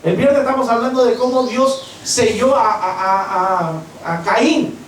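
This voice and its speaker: Peruvian pastor preaching in an echoey church. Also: male voice, very high voice, a little slow, recorded from a distance, slight background noise. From Peru. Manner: impassioned preaching, acting out quoted voices. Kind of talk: sermon. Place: church hall.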